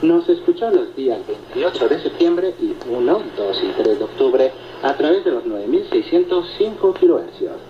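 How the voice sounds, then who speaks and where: Loud static surrounds this muffled, echoey shortwave broadcast. A radio co-host, male, with a medium pitch and a sing-song lilt, goes through listener reports at a normal pace, responding conversationally as he presents.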